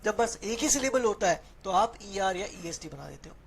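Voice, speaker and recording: A woman's voice: medium pitch, lively intonation, normal speed, gravelly, a little hiss or hum. A woman with an Indian accent teaching English grammar in an online class, switching between Hindi and English and putting questions to her students. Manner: explaining patiently, asking students questions and reading their chat.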